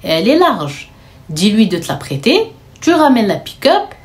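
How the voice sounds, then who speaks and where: A woman voicing a cold, scheming eldest sister who lays out plans in a calm, hushed, matter-of-fact way. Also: medium pitch, moderate pace, natural voice.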